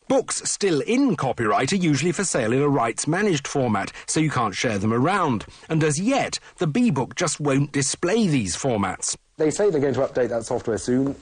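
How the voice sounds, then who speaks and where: Husky-voiced male presenter. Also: mid-range voice, big pitch swings, moderate pace, hardly any pauses, no room sound. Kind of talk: scripted tech review voice-over.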